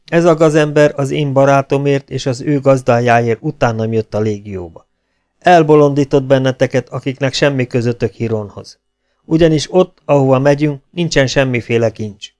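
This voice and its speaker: A man's voice: mid-range voice, darkish tone, smooth, close to an everyday voice. A man reading an audiobook, voicing a brash, cheerful male legion captain who lectures his comrades bluntly. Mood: frank.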